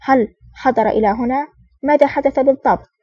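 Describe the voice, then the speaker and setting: An eager young female agent, earnest and respectful, as a woman reads her in her own voice. The delivery is rapid and even-toned, a little higher than middle pitch. The sound is dull and distant, with no room echo. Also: husky. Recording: dull, distant, dry recording.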